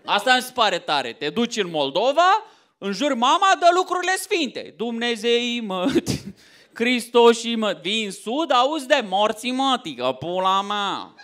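A man in his thirties from Romania doing a stand-up comedy set on stage, loud and animated, often shouting punchlines. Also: very high-pitched. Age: 30s. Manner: loud, animated, swings into mock voices and shouts. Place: theater stage before a laughing audience.

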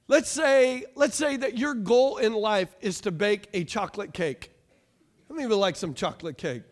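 Male pastor, 30s, very high voice, energetic stage preaching. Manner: animated, call-and-response preaching, pacing the stage. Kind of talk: sermon. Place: church stage, large room.

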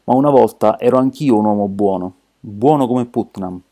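Brief: defensive, excitable colonel voiced by a male reader, dark tone, storybook reading. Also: lowish voice, normal speed, natural voice. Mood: agitated. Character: agitated middle-aged male ex-army colonel.

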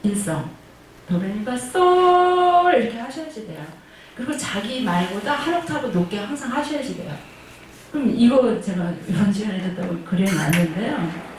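An expressive woman with a mid-range, slightly mellow voice teaches Chinese pronunciation online at a moderate pace, drilling and occasionally singing tones and answering her own questions to the class. She's in a classroom at a senior welfare center, recorded from a distance in a very echoey room with faint noise.

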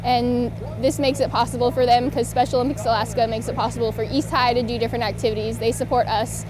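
Young woman, club member, casual interview; high voice with music clearly behind. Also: fairly even intonation, fast talker.

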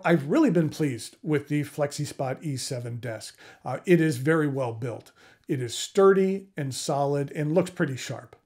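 A man in his fifties narrating a product review of his home office desk in a steady, measured way, often starting lines with um or uh. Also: a little high. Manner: steady, measured delivery with frequent ums and uhs. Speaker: channel host reviewing a standing desk.

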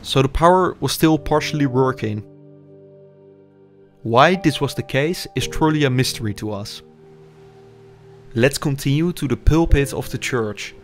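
A young man narrates a scripted urban exploration documentary in a measured, explanatory manner. His voice is an ordinary middle pitch, with faint music underneath.

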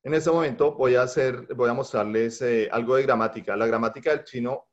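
A man teaches a language workshop over a video call. His voice sits at a middle pitch and he talks with frequent fillers and restarts. The computer mic gives a dull, lo-fi sound. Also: fairly quick. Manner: patient, with many hesitations and fillers. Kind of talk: online workshop lecture. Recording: dull lo-fi online call audio.

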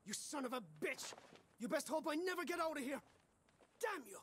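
An actor playing a furious, vengeful captured outlaw in a western video game, snarling threats. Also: male voice, very high voice, animated, a little hiss or hum.

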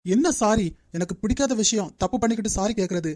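Woman voicing a young male manager, cartoon, strict, lecturing, rapid delivery, mellow dark tone. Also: mid-range voice, dry recording, clean studio sound, close to an everyday voice. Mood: stern scolding. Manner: brisk, lecturing. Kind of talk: Tamil cartoon dub.

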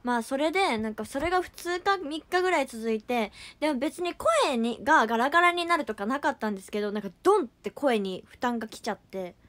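A young woman chats casually on a livestream, reading fan comments aloud and reacting to them. Her voice is fairly high and bright, and she scatters fillers through her chatter. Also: lively intonation, fairly quick, hardly any pauses. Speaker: idol livestream host.

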